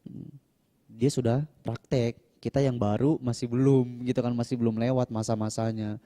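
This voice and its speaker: Speaking without a microphone, so he sometimes drops in volume, a young man plays a monk fielding questions at a Q&A talk. He tells stories in a relaxed, chatty manner at a moderate pace, raising his pitch to act out quoted people. His voice is middle-pitched, very dark, and mellow.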